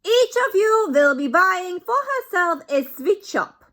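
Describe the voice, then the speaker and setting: A woman voicing a vicious, imperious female witch leader who shouts in broken, bossy grammar. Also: very high-pitched, lively intonation, a little slow, pitched above the performer's own voice, heavily acted. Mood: ranting.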